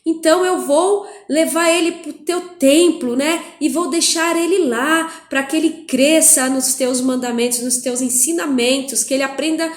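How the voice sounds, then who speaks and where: Woman as a grieving woman praying, pleading, earnest, high voice, echoey room. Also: normal speed, few pauses, close to an everyday voice.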